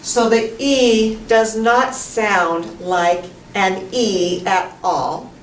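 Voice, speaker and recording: This is an instructional English pronunciation lesson from a middle-aged woman from the United States, who stresses and enunciates each sound and word with care. Her voice sits at a medium pitch, and the recording from a distant camera mic in a small whiteboard classroom is roomy with slight noise.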